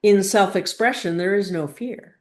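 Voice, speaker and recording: This is a woman running a spiritual teaching session at a medium pitch. She moves through her words in measured, broken-up phrases, pausing for emphasis and asking questions to guide the group.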